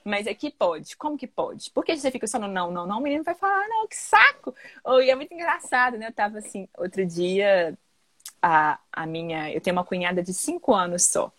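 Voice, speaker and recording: Animated woman chatting on a podcast. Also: a little fast, no echo, studio quality. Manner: animated storytelling, often ends with "né?"; acts out children's voices with big pitch jumps. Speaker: podcast host. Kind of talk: casual podcast conversation.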